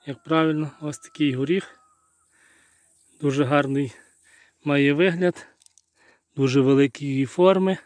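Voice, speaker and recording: A man with a Ukrainian accent, a nursery grower, reviewing his hazelnut bushes outdoors in an unhurried, halting way, thinking aloud, recorded on a phone camera. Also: fairly high pitch, fairly even intonation, a little mellow, no echo, studio quality. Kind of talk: casual walk-through plant review. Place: outdoors in a garden.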